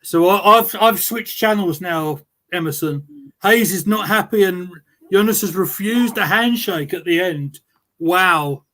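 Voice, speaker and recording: A man's voice: high voice, unhurried, sharp tone. A man co-hosting a live football watchalong, chatting through the match and often repeating words as he reacts. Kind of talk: live match commentary chat.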